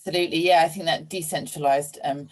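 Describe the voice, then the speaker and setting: A woman hosts a webinar over a video call, her voice notably low for a woman. She is friendly and affirming, filling pauses with ums as she wraps up. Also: fairly even intonation. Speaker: webinar host. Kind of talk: online webinar discussion.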